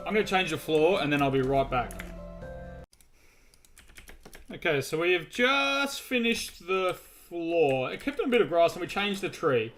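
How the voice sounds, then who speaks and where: A man hosting a casual gaming video, narrating his building as he goes in a chatty, rambling way with many restarts. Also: on the high side. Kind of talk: casual gameplay commentary.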